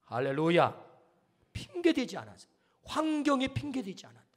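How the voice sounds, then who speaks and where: A man's voice: very high-pitched, wildly swooping pitch, normal speed. A male pastor preaching a sermon, emphatic, firing rhetorical questions and calling for amens.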